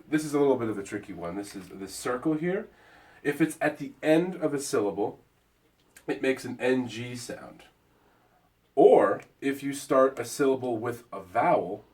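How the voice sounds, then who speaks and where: A man gives a casual lesson, explaining each step in a relaxed, halting way. His voice sits at a middling pitch. He is picked up from some distance away from the microphone. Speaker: teacher.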